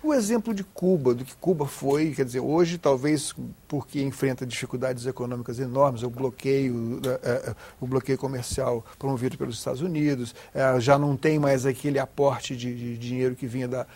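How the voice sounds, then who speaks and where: Guy hosting a tv interview, kinda raspy voice, long winding questions, stumbles a lot. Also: mid-range voice, steady tone, moderate pace, hardly any pauses, warm tone.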